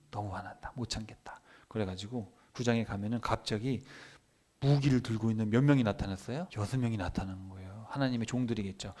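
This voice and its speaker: A man, a pastor, giving a children's sermon in church, animated and full of questions to his listeners. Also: mid-range voice.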